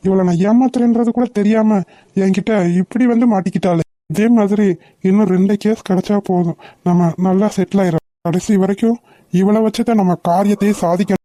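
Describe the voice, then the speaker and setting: A woman's voice: medium pitch, fairly even intonation, brisk, warm tone, no room sound, lightly acted. Woman voicing a sly cartoon swindler man. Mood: scheming. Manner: sly, scheming. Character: scheming young man, a smooth swindler. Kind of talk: cartoon voice acting.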